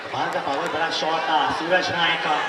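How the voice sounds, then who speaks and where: A man shouting live football commentary and crowd announcements at an outdoor ground, heard over loudspeakers. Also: fairly high pitch, little pitch movement, normal speed, very noisy. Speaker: match commentator. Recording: echoey loudspeaker sound from far off.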